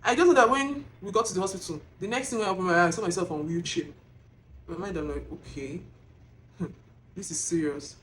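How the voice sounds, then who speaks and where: A woman with a Nigerian accent filming herself as she tells a personal testimony, emotional and animated, close to tears. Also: mid-range voice, racing, a little hiss or hum. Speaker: vlogger. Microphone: self-filmed camera.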